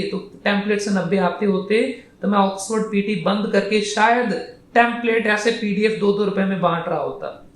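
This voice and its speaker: A man teaches exam speaking skills in a blunt, scolding way. His voice sits high for a man. The sound rings in an echoey room. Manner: blunt, scolding, mixes English phrases into Hindi. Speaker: PTE speaking trainer. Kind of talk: exam coaching lesson.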